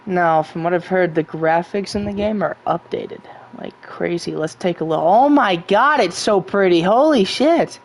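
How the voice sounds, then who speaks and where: A man's voice: high-pitched, normal speed, vocal fry. A young man streaming a survival game, swearing often and rambling casually. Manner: profane, rambling, self-mocking. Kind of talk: casual gameplay commentary.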